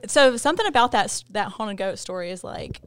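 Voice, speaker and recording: A woman's voice: mid-range voice, animated, a little fast, fairly bright tone, clean tone. A woman co-hosting a casual podcast, giggly, loose and chatty. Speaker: podcast co-host.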